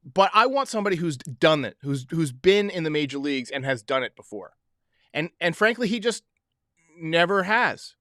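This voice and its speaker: A man's voice: a little high, very animated, normal speed, pushed and bright, no echo, studio quality. A man hosting a sports podcast, giving emphatic, opinionated commentary in a casual way, talking straight to listeners.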